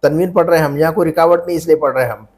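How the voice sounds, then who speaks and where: High-voiced, patient male Arabic teacher. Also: steady tone, rapid-fire, a little mellow, slightly rough. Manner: patient, repeats each rule and quizzes the students; mixes Hindi-Urdu with Arabic terms. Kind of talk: online Arabic grammar lesson.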